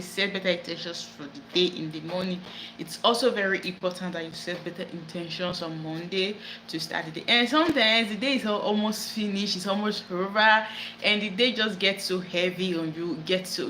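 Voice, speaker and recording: A woman speaks earnestly in a casual self-help talk, repeating phrases and pausing to find her words. Her voice is bright, and the room around her is echoey with a faint ambient hum underneath. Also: lowish voice. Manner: earnest, repetitive, searching for words. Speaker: wellness vlogger.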